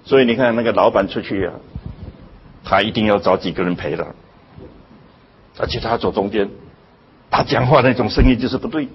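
An older man giving a public lecture with a husky voice, emphatic and full of rhetorical questions. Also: brisk, pauses often, a little hiss or hum. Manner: emphatic, rhetorical questions, sudden jumps in pitch. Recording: dull lo-fi recording.

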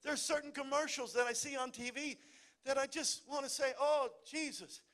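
A middle-aged man preaching a lively sermon in a church, calling out for amens. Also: extremely high pitch, a little fast. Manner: lively preaching, calls for amen and hallelujah. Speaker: pastor. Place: church sanctuary.

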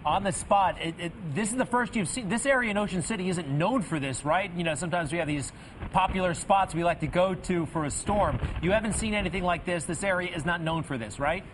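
A male TV news anchor questioning a field reporter live in a conversational, slightly halting way. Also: high voice, background noise.

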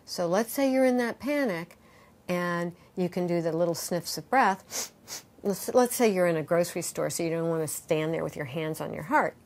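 Middle-aged yoga teacher lady, earnest and lively, talks you through breathing. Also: on the low side, normal speed. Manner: earnest and animated, acting out panicked voices. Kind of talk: interview answer with guided breathing demonstration.

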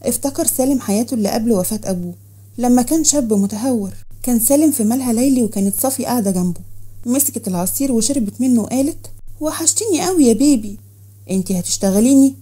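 A woman with an Egyptian accent narrating a story in a brisk, matter-of-fact way. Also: fairly high pitch, mellow, husky.

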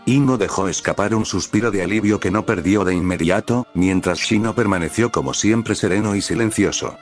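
A man narrating a fanfiction story aloud in a steady storytelling delivery. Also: fairly low pitch, a little fast, soft background music.

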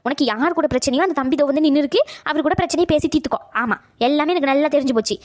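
A woman voicing a bossy, sharp-tongued old grandmother who scolds fast and dotes on her grandson. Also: high voice, close to an everyday voice. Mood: scolding. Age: older. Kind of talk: cartoon voice acting.

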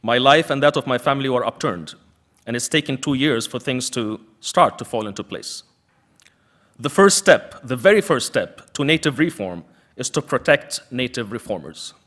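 Guy from the emirates giving a lecture, forceful, repeats lines for effect, middle pitch. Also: lively intonation, normal speed. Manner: emphatic, rhetorical repetition. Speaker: panel speaker, activist. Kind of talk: prepared lecture speech.

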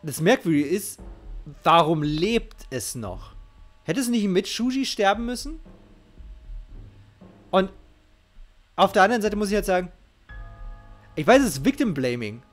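This middle-aged man's voice sits high with a sing-song lilt, a little slow and broken by long pauses. Streaming a game live, he comments casually but with emphasis and emotion, repeating phrases. His headset mic is close, his setup is indoors at home, and game music plays in the background.

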